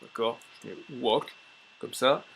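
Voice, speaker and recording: A man teaching a language tips lesson in a casual, chatty way, pausing often with fillers as he shows a website on screen. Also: mid-range voice, vocal fry, a bit bright, husky. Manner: chatty, many "euh" fillers and restarts. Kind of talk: casual tutorial with screen demo.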